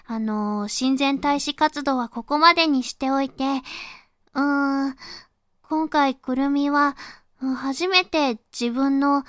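A woman from Fukuoka with a Hakata accent, a voice performer chatting casually to her listeners in a soft, unhurried way full of small fillers. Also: high-pitched, fairly even intonation, dry recording, clean studio sound. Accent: Hakata dialect. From Fukuoka, Japan. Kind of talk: casual afterword talk to listeners.

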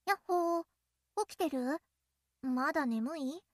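A very high, girlish voice, acted by a woman, close and dry with no room around it. She is a young childhood friend in an audio drama, coy and clingy. Her playful teasing carries a possessive, softly menacing edge. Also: unhurried, no echo. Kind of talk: Japanese audio role-play addressed to the listener.

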